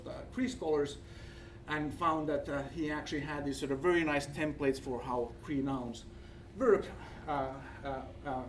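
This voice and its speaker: A Finnish man with a fairly high-pitched voice gives a conference presentation with slides as an academic researcher. His speech is halting as he searches for words. The mic is distant, leaving him slightly far off, with faint background noise.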